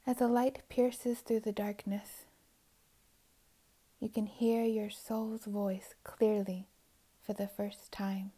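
A woman guiding a meditation in a soft, soothing voice, often drifting into whispers. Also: medium pitch, level tone, slow, husky. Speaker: meditation guide. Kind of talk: guided meditation narration.

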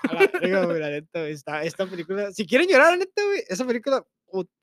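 A man's voice: sits high, expressive, very fast, fairly bright tone, no echo. A young man with a Mexican Spanish accent co-hosting a casual podcast chat, teasing and slangy, laughing often. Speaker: podcast co-host.

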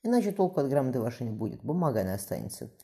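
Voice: mid-range voice, very animated, rapid-fire, creaky, dark tone. A reader voicing a stern, decisive Cossack ataman in an audiobook, speaking bluntly in old-fashioned speech. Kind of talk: audiobook character voice.

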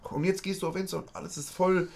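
A man's voice: steady tone, quick pace, creaky, darkish tone, slight background noise. Emphatic young man, slangy casual chat. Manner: emphatic, street-slang heavy, often rising in pitch when worked up.

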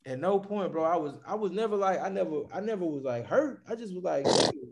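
Young man, high voice, rapid casual storyteller with sweary frat-bro banter and emphatic repetition. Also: expressive, gravelly, darkish tone. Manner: repeats himself emphatically.

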